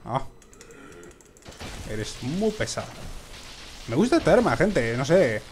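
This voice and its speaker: A young man from giving excitable let's play commentary to his viewers, swearing often. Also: mid-range voice, slow, a little hiss or hum. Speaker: gaming video host.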